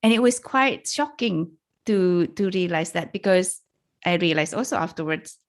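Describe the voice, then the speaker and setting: Woman guest from Indonesia, middle-aged, slightly low pitch, thoughtful, frequent laughs. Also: lively intonation, moderate pace. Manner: reflective, laughs often, restarts sentences. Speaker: podcast guest. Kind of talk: casual interview conversation.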